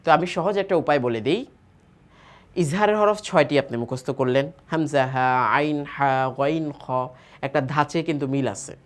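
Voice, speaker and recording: Bangladeshi guy teaching quran reading, spells letters then stretches the words out slow, asks himself questions. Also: a little high. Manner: asks rhetorical questions and answers them himself. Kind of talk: tajweed lesson, spelling and reading aloud.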